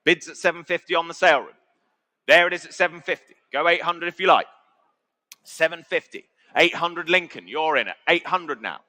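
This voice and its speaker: A man's voice: on the high side, fairly quick, bright, forceful tone. A British man working as an auctioneer, calling bids in a conversational way and repeating the figures. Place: auction sale room.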